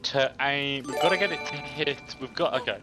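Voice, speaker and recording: A man's voice: medium pitch, moderate pace, over music, poor audio. A man co-playing a game on stream, giving blunt directions and swearing now and then. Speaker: co-op gaming partner. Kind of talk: live gameplay chat.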